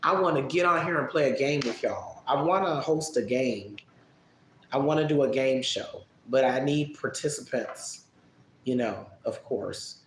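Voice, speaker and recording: A man, mid-pitched and easygoing, chatting through viewer questions on a live stream. He muses aloud and drifts between thoughts in a relaxed way. The room is echoey, with a faint hum of noise behind him. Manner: relaxed, chatty, drawn-out musing answers. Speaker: vlogger answering viewer questions. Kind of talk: casual live-stream chat.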